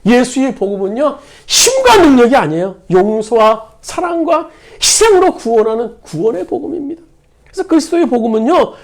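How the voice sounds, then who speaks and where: A pastor preaches a sermon in a church with a high voice that rises and falls a great deal. Key words are driven home by repetition and strong stress. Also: darkish tone. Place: church sanctuary.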